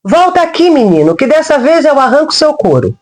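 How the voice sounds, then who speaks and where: A woman's voice: high voice, very animated, moderate pace, pitched above the performer's own voice. Woman voicing a fiery scolding rural Brazilian woman. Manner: scolding, folksy rural speech. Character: fiery older enslaved woman cook, scolding.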